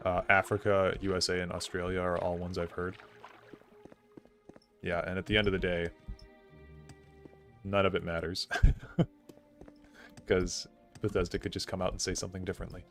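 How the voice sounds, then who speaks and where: A man's voice: low voice, little pitch movement, normal speed, long pauses, a bit bright, soft background music. A young man streaming a game live, chatting casually and thinking aloud with lots of "like" fillers as he answers chat. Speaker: gaming streamer.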